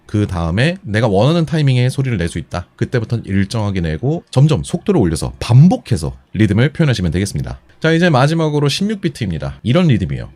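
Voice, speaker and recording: A man's voice: medium pitch, a little mellow, dry recording. Patient man teaching beatbox basics. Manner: patient, methodical, repeats each step slowly. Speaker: beatbox instructor. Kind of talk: step-by-step tutorial explanation.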